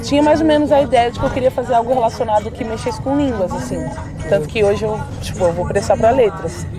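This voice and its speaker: A woman's voice: a little high, quick pace, crowd noise. Young woman, São Paulo accent, hesitant slangy chat, music bed. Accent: Brazilian Portuguese, São Paulo. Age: young adult. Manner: slangy, hesitant, many fillers. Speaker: interviewee. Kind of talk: casual chat.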